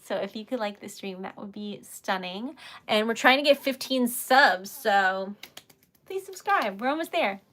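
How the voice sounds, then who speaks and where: A woman's voice: medium pitch, animated, a little slow, a bit bright. A woman with a Rhode Island accent chatting casually and animatedly as she hosts a livestream, rambling and giggly. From Rhode Island, United States. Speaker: livestream host, independent artist.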